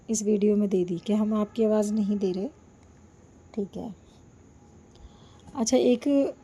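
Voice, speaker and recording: A woman vlogger with a sore throat, talking slowly and softly to her viewers and pleading for their support, recorded without a microphone. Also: mid-range voice, husky. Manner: slow, soft-spoken, pleading. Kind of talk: casual chat to viewers. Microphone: no microphone, built-in device mic.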